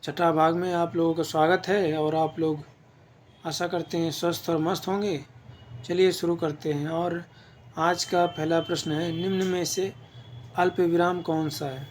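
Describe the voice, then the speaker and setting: A man's voice: fairly high pitch, flat delivery, unhurried, slight background noise. A man teaching an exam-prep grammar lesson, explaining patiently and checking in with his listeners as he goes.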